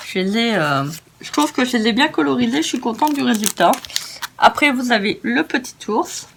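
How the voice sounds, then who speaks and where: A woman's voice: fairly high pitch, lively intonation, moderate pace, gravelly, slight background noise. A woman hosting a casual crafting demonstration, chatty and enthusiastic, often stumbling over her words. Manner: gushing and enthusiastic. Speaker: craft video host.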